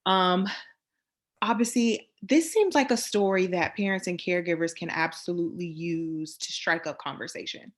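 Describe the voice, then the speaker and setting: A woman's voice: fairly low pitch, moderate pace. A woman hosting an interview over a video call, encouraging her guest with plenty of um's. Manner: warm, encouraging, fillers. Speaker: interviewer host.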